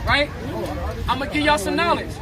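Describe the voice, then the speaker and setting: A man preaching on a city street corner, talking loudly and cutting in as he calls for scripture to be read. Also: extremely high pitch, brisk. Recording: street clip with loud crowd.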